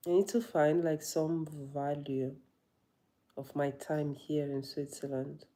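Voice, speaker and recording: Female yoga vlogger, warm dark tone, reflective and searching, casual live chat. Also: low-pitched, steady tone. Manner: thoughtful, halting, searching for words. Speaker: yoga teacher.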